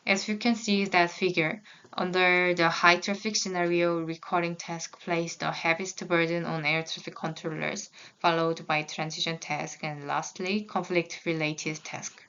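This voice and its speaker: A graduate student whose first language is Korean presents her research results in English, reading carefully with small halts and restarts. Her voice sits on the low side, fairly bright, clear and resonant, with a flat delivery at a measured pace. The recording is slightly dull.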